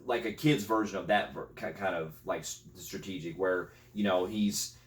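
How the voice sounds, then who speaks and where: Man, casual movie chat, rambling, halting, distant mic. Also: low voice. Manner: rambling, halting, many fillers. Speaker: podcast co-host.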